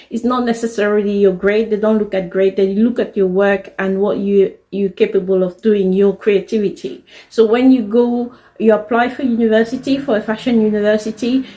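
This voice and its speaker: A woman's voice: mid-range voice, a little mellow, rough recording. Earnest French-speaking woman telling her story. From DR Congo. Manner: earnest, candid and heartfelt. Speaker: fashion designer telling her life story. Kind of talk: personal story to camera.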